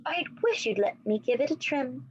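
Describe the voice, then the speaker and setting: A woman's voice: high-pitched, animated, moderate pace, breathy edge, dull audio. A woman playing a fussing motherly witch. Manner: fussing, scolding.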